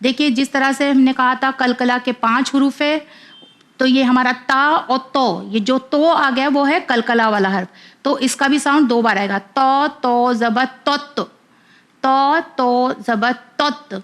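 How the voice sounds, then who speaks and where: A woman teaching children to read, spelling out each syllable slowly and saying it twice. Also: high voice, fairly bright tone. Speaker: Quran reading teacher for children. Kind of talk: slow letter-by-letter lesson for kids.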